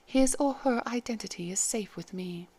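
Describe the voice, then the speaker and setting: A woman reading the part of a calm, kindly head maid who speaks gently and formally. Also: on the high side, moderate pace, creaky, slightly rough. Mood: gentle.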